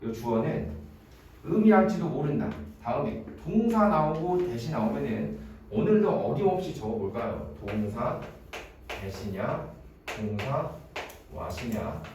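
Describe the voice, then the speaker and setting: A man gives an exam-prep English grammar lecture in a classroom, quizzing students by name and using playful memory tricks. His mid-range voice is very animated yet unhurried and slightly mellow. The room is very echoey, he sounds distant, and there's faint noise.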